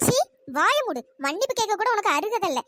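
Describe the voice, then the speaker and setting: A woman's voice: very high voice, lively intonation, fairly quick, sharp tone, exaggerated voice. A woman voicing a middle-aged aunt in a cartoon story, scolding harshly and throwing insults.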